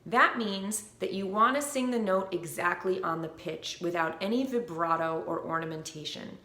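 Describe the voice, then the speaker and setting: Her voice sits on the low side but rings brightly as this vocal coach covers singing basics for an instructional video at a moderate pace. She keeps things clear and upbeat, breaking into brief sung notes to show what she means, with a roomy echo from the room around her.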